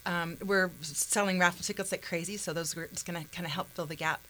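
A woman's voice: lowish voice, steady tone, brisk, pushed and bright, a little hiss or hum, rough recording. A woman guest from a nonprofit, earnest and grateful, speaking with frequent fillers. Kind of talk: casual chat.

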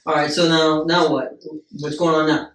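A man's voice: on the high side, flat delivery, moderate pace, a bit bright, far from the mic. A man hosting a podcast with crude, teasing banter. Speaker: podcast host. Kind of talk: casual podcast chat. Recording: roomy sound from off mic.

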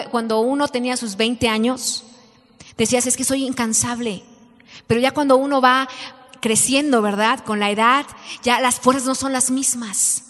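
A woman's voice: high voice, a bit bright. A middle-aged woman preaching a sermon to women, telling stories and asking the audience questions. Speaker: women's ministry speaker. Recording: long reverb of a large hall.

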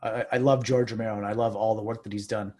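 A man with a northern Minnesota accent, talking reflectively and haltingly as a podcast guest. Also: fairly low pitch, flat delivery, a little mellow, a little hiss or hum. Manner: halting, repeats words as he gathers thoughts. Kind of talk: casual reflective discussion.

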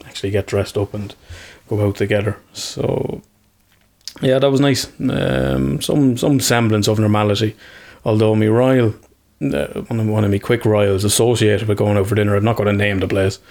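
Gravelly Irish man chatting casually. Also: on the low side, steady tone, normal speed, darkish tone. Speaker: podcast co-host. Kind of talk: casual chat.

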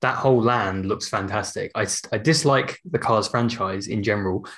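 Lowish-voiced British man chatting casually. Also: moderate pace, fairly bright tone. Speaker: podcast co-host. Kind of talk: casual chat.

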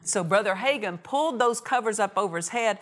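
A woman's voice: medium pitch, expressive, a little fast, fairly bright tone. Woman preaching with emphatic repetition. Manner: emphatic, repeats key phrases, acts out quoted dialogue. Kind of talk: sermon.

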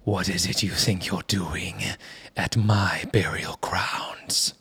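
A man game master voicing a powerful sorceress who raises the dead, speaking in a slow, echoey, dreamlike whisper that seems to come from far away. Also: sits low, fairly even intonation, a bit bright, breathy edge, pitched below the performer's own voice, exaggerated voice. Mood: ominous.

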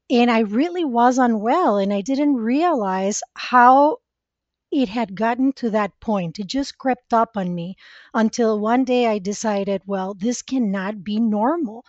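A woman from Costa Rica, speaking as a podcast guest, tells her own story in an earnest, reflective way. Her voice sits a little high. The recording is dry and dull, with a lo-fi quality. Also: a little mellow, no room sound. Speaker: podcast guest, spiritual mentor. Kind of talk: conversational interview storytelling.

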